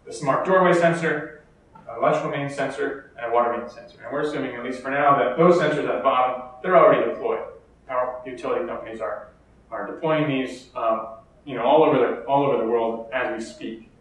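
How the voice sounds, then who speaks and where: A man's voice: mid-range voice, a little fast, a bit bright. A man with an American accent giving a conference keynote lecture, explaining steadily with the odd filler and restart. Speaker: keynote speaker. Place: lecture hall. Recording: echoey hall, distant mic.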